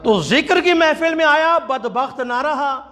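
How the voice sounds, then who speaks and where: High pitched guy giving a fiery sermon in a big echoey mosque, tells stories, chants slow. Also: expressive, bright, forceful tone, faint music behind. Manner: impassioned storytelling, chanting quotations slowly. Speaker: preacher. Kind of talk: sermon at a religious conference. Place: large mosque. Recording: long hall reverb.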